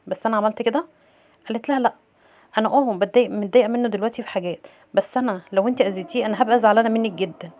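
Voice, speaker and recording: Very fast-talking Egyptian woman. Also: on the high side. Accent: Egyptian Arabic. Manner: retells scenes with quoted dialogue in an even voice. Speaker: series recap narrator. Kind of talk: casual episode recap narration.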